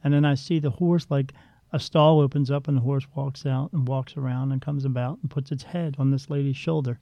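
A psychic medium with a warm, mid-range voice, steady and a little fast with vocal fry, rambles bluntly through stories in a casual interview, often restarting. There's no echo, and the audio is dull, lo-fi and dry.

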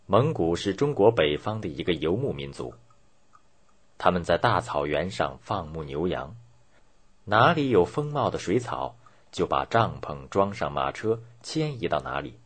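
Male narrator, documentary history style, low pitch, very varied intonation, dramatic measured storytelling. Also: big pitch swings, breathy edge.

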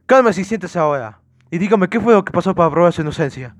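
A man's voice: mid-range voice, lively intonation, moderate pace, no room sound, natural voice. A man voicing a stern small-town police officer who questions a suspect in a firm, formal, commanding way.

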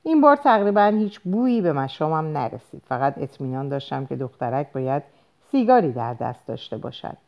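A woman's voice: deep voice, big pitch swings, a little mellow. A woman narrating an audiobook in a first-person voice, reading expressively and lifting her voice for the dialogue. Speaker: audiobook reader.

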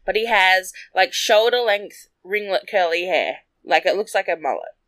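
A woman's voice: medium pitch, moderate pace, a bit bright. A woman chatting casually about celebrity gossip, bluntly, with lots of "like" fillers.

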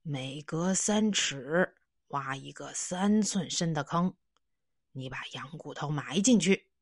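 A woman voicing a gentle, reassuring thin old man in a children's story. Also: sits low, animated, slow pace, no echo, clean studio sound, heavily acted. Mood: kindly. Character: kindly thin old man in a tall hat.

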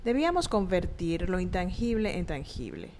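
A woman narrating a scripted, reflective text in a measured, thoughtful way. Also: fairly low pitch, sing-song, a little mellow, a little hiss or hum. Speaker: narrator reading her own reflective text.

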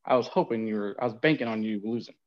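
A man's voice: on the low side, fast, a crowd in the background. A man co-hosting a podcast in easygoing casual chat, often repeating his words. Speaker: podcast co-host. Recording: dull lo-fi sound.

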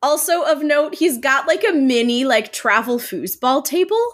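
A woman's voice: high voice, lively intonation, moderate pace. A woman co-hosting a podcast in casual, jokey chat, with a stuffy nose from a head cold. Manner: jokey, laughs often. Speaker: podcast co-host. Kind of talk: casual chat about a TV episode.

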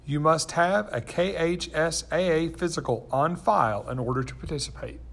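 A man reading out a school's morning announcements in an upbeat, clear, scripted way. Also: a little high, moderate pace, a bit bright.

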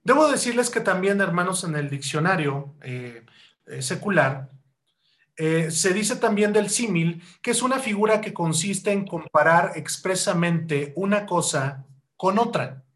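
A man with a high voice preaches a sermon, firing rhetorical questions at the congregation and addressing them as brothers. He moves between loud rising bursts and slow, deliberate stretches when he explains a point. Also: animated. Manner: rhetorical questions, keeps calling hearers "hermanos". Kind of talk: sermon teaching.

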